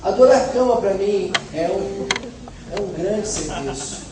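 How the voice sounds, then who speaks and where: A man's voice: high-pitched, expressive, a little slow. A middle-aged man from Brazil preaching a sermon, with humorous, conversational storytelling. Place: church hall. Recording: echoey hall from far off, faint noise.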